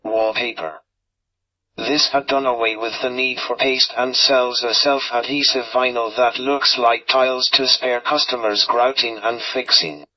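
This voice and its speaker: A male text-to-speech voice reading an article aloud, slightly robotic, played back at a low sample rate. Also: steady tone, unhurried, lo-fi sound. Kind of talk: synthetic read-aloud of an article.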